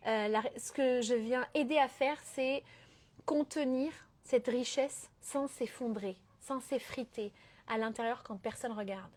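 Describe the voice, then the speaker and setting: A woman business coach talking on a live stream, emphatic and dropping English phrases into her speech. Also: fairly high pitch. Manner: mixes English phrases into French; emphatic, keeps asking "ok?".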